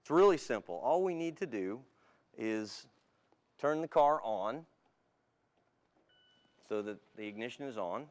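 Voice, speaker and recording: A car tuning specialist, interviewed as a guest, explains a product politely and plainly, keeping it matter-of-fact. His mid-range voice has a darkish tone and is animated, though he moves at a measured pace with long pauses.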